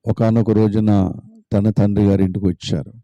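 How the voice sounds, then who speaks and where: A man's voice: on the low side, flat delivery, normal speed, dark tone, no room sound, lo-fi sound. A man preaching a sermon as a pastor, retelling a story emphatically with lots of repetition.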